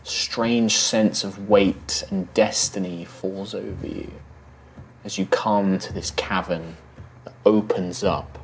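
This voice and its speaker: A man working as game master, giving measured, atmospheric descriptive narration for a tabletop game. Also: low voice, steady tone, a little hiss or hum, low-quality recording.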